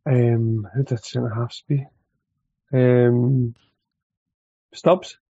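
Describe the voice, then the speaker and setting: A man's voice: medium pitch, little pitch movement, drawn-out words, mellow, slightly rough, no room sound. A Scottish man talking casually about football as a podcast guest, on a dull, dry recording.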